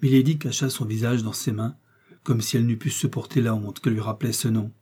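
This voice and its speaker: Male audiobook narrator, measured, expressive, mellow, husky. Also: medium pitch.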